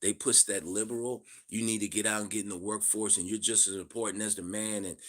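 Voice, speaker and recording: A man in his fifties hosts a live stream in a blunt, profane, preachy monologue. His voice is gravelly and husky, with a rough edge to every line. He greets viewers in the chat between his points. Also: mid-range voice, fairly bright tone. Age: 50s. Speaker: livestream host. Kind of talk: livestream monologue.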